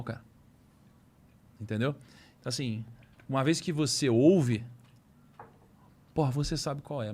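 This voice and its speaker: A man's voice: mid-range voice, a little mellow. Earnest slangy man hosting a podcast. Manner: slangy and earnest, says "mano" and "cara" often. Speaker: podcast host. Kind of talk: casual podcast chat.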